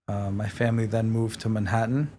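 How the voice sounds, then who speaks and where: A man born in Israel and raised in New York, a real estate company president speaking as a podcast guest, hesitant and modest with many pauses. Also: fairly low pitch, fairly even intonation, warm tone, a little hiss or hum. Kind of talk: podcast interview.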